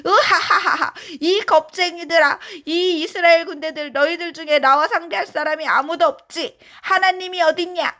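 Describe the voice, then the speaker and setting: A woman's voice: steady tone, normal speed, hardly any pauses, bright, forceful tone. A woman doing a scornful giant warrior. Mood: taunting. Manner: booming laugh, taunting. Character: mocking giant male warrior, boastful and scornful.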